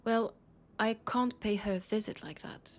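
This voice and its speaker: In an intimate sci-fi audio roleplay, a woman with a French accent plays a weary, guarded policewoman who confides quietly and hesitantly. Her mid-range voice is lightly acted, with fairly even intonation and a normal speed, and the mood is serious and resigned.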